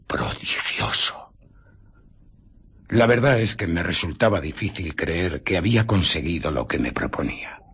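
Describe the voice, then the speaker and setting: An obsessive, secretive scientist in a radio play, with an accent from Spain. His deep voice is heavily husky and breathy. He tells his tale with theatrical intensity and dramatic swings of intonation. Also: fairly bright tone, heavily acted. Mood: awed, intense. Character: obsessive, irritable male scientist, brooding and secretive. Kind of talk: Spanish radio drama acting.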